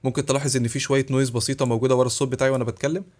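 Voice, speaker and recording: A man with an Egyptian Arabic accent narrating a software tutorial, explaining each step briskly and speaking to the viewer. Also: mid-range voice, little pitch movement. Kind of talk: screen-recorded tutorial voice-over.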